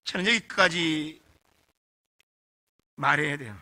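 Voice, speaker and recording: A man's voice: a little high, takes it slowly. A middle-aged male pastor preaching a revival sermon, questioning the congregation and getting them to answer back. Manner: animated preaching with call-and-response questions to the congregation. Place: church sanctuary. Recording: long hall reverb.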